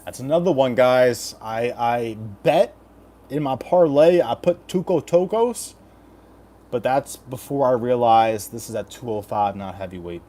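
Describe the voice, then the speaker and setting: Slow-paced frat-bro guy streaming. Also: medium pitch, mellow. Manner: frat-bro slang, crude and profane. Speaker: livestream host giving fight predictions. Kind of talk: casual livestream banter, reading and answering chat.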